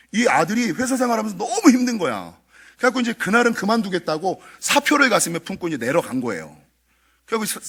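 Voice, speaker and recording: A middle-aged male pastor preaching at a dawn prayer meeting, telling a story with animated delivery and acting out the dialogue. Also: high-pitched, slightly rough. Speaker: senior pastor.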